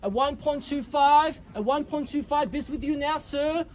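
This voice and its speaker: A man's voice: extremely high pitch, normal speed. A man working as a real estate auctioneer, calling bids at a live auction with showy, repetitive patter that rallies the bidders. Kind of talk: live auction calling, repeating bid amounts. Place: live property auction before a crowd.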